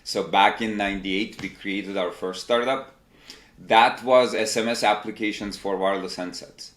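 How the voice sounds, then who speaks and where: A man in his fifties from Turkey, a company CEO, answering interview questions in a measured, explanatory way. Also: lowish voice, fairly even intonation, a bit bright. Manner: measured, explanatory, lists examples. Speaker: tech company CEO, guest. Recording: echoey room.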